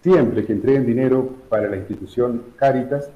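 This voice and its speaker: A middle-aged man from San Juan, Argentina, explaining his charity's work in a remote news interview, measured and full of fillers. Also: mid-range voice. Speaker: charity director guest. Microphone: video call. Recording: echoey room, dull video-call audio.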